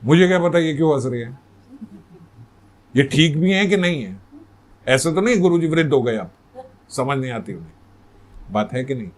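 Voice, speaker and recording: Fairly high-voiced male preacher. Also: expressive, moderate pace, long pauses. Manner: conversational storytelling with rhetorical questions. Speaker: spiritual storyteller. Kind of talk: religious katha sermon.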